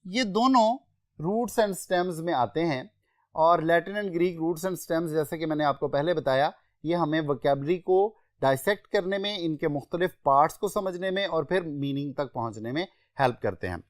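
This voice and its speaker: With a Pakistani accent, a man lectures on English vocabulary for test preparation, measuredly working through meanings and listing synonyms in turn. His voice is fairly high-pitched, and the studio-quality recording is dry.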